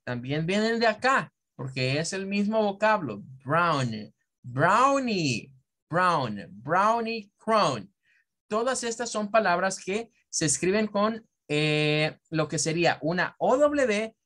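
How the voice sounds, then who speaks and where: Guy teaching english vowel sounds, talks real slow, says every example sound again and again. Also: high-pitched, fairly bright tone. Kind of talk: classroom pronunciation lesson.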